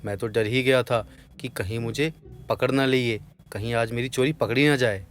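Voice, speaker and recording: A man voicing a clumsy, nervous house thief who mutters to himself in an animated story. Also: medium pitch, moderate pace, natural voice. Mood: sneaky.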